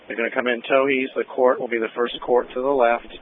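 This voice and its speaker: A man gives emergency radio instructions in a flat voice. The two-way radio sounds tinny and narrow, with a little noise. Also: mid-range voice, fast talker. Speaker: ambulance staging coordinator. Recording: noisy, phone-like two-way radio.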